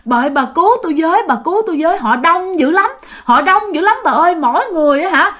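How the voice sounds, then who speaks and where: A woman's voice: extremely high pitch, expressive, quick pace, a bit bright, voice pushed up. A woman voicing a terrified old man, begging his wife again and again to save him. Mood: panicked pleading. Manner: pleading, repetitive, panicked.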